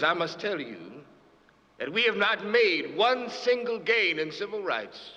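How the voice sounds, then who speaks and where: An actor playing a commanding, eloquent civil rights preacher, speaking in emphatic, rhetorical drama oratory. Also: male voice, high-pitched, pushed and bright, heavily acted. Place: large hall with an audience. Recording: noisy echoing hall with crowd.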